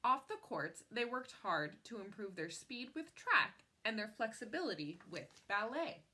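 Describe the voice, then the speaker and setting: Her voice a little high, a woman performs a picture book reading with lively storytelling expression, pacing her phrases carefully and stressing key words.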